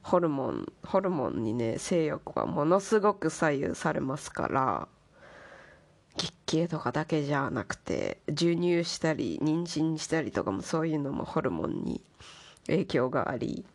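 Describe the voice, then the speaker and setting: A woman host with a low, very animated voice and vocal fry chats casually to listeners in an unhurried monologue. She playfully puts on ornate, polite, refined-lady speech.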